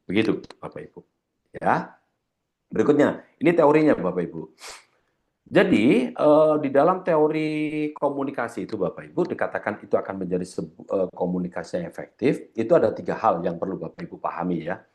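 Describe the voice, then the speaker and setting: A man's voice: lowish voice, animated, fairly quick, a little mellow. A man giving a training seminar lecture as a corporate trainer, often addressing his audience and repeating key points, his voice slightly heavy from a cough.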